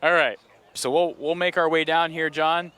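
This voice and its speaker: A man reports live from outdoors, strolling through a tailgate crowd. His voice sits a bit high and sounds bright and forward. He chats in an upbeat, easygoing way as he stops people along the row. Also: steady tone, moderate pace, clear, resonant tone. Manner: upbeat, chatty, interviews passersby. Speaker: on-scene reporter. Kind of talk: live roving field report. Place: outdoor tailgate lot near a stadium.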